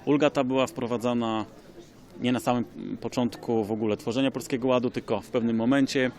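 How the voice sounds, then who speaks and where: Measured male lawyer, hesitant. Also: mid-range voice, steady tone, darkish tone. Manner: measured, with frequent hesitation fillers. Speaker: lawyer commenting on tax changes. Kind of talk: expert comment.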